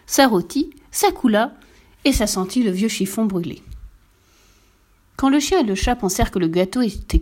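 A woman reads a children's story aloud at a medium pitch. Her narration is soft and gentle, easing lower and quieter between the characters' lines.

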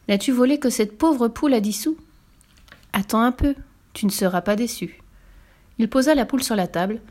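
A woman narrating a children's fairy tale aloud, expressive and sometimes dropping to a soft whisper. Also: medium pitch. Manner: expressive, dips into soft whispers on quiet passages. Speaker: storyteller. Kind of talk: scripted storybook narration.

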